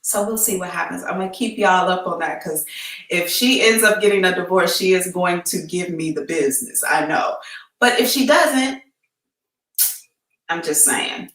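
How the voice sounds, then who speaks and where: An echoey, distant recording of an American woman with a bright voice. She chats informally and candidly as a live-stream psychic host, using slangy phrasing in what sounds like an empty room. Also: on the low side, normal speed. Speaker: psychic reader hosting a live advice show. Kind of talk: casual live-stream chat. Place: emptied-out room indoors.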